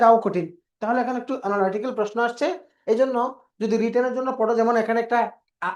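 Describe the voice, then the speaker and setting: A woman's voice: fairly high pitch, a little mellow. A woman teaching an exam prep class in a patient lecture style, repeating key words and asking questions that she answers herself.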